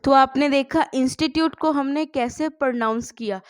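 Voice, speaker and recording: A woman's voice: sits high, normal speed. A woman teaching a spoken English lesson, asking the class questions and answering them herself.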